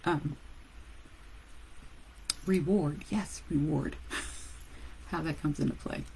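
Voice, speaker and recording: A woman who works as a nurse, casually telling a personal story with animated pauses and laughs. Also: low voice, vocal fry, slight background noise, low-quality recording.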